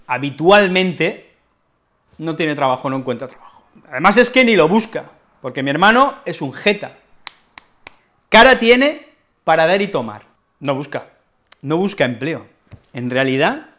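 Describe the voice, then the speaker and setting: A man from Spain with a Peninsular Spanish accent teaching colloquial expressions in a relaxed, playful way, acting out short dialogues. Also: fairly high pitch. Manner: playful, acts out little dialogues with his brother. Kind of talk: casual explanatory lesson with acted examples.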